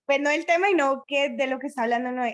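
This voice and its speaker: A woman's voice: high-pitched, fast. A Colombian woman with a Colombian accent asking a question in an online class, hesitating and rephrasing herself as she goes. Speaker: workshop participant.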